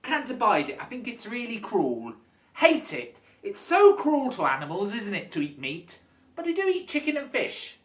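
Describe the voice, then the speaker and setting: A man's voice: high voice, wildly swooping pitch, moderate pace, a bit bright, roomy sound, far from the mic, heavily acted. A man putting on the voice of a smug self-declared vegetarian, mocking and exaggerated. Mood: prissy smugness. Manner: mocking, sing-song, exaggerated.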